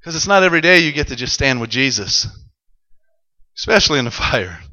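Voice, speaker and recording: A male preacher telling a Bible story to a congregation, building from calm narration to excited shouts. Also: mid-range voice, brisk, muffled recording. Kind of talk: sermon. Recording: long hall reverb.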